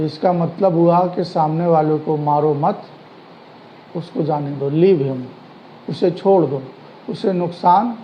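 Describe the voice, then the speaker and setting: A man teaching an online grammar lesson, speaking slowly and deliberately in a somewhat high voice. The recording is dull and lo-fi, with a faint ambience behind him. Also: a little hiss or hum. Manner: slow, deliberate explaining.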